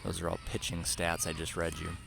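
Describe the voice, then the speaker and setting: A man's voice: low voice, monotone, fairly quick, vocal fry, loud music behind the voice. A man doing casual play-by-play for a youth baseball game, with dry joking asides between calls. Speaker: play-by-play announcer.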